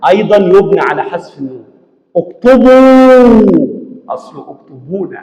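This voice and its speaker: A man teaching a classroom grammar lesson, explaining step by step, asking his students questions and drilling examples slowly. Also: high-pitched. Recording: echoey hall with long reverb.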